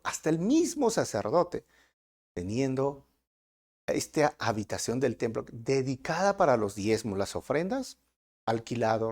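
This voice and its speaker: A man with a Peruvian Spanish accent preaching a verse-by-verse sermon as pastor, with animated delivery and rhetorical questions. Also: mid-range voice.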